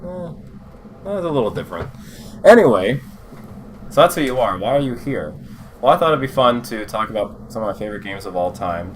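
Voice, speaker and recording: A man's voice: on the low side, slight background noise. A man hosting a casual chat about video games with a dry, easygoing manner. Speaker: host.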